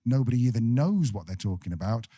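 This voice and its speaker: A man's voice: medium pitch, lively intonation, quick pace, warm tone. A man co-hosting a podcast in casual chat, joking and playfully sarcastic. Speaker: podcast co-host.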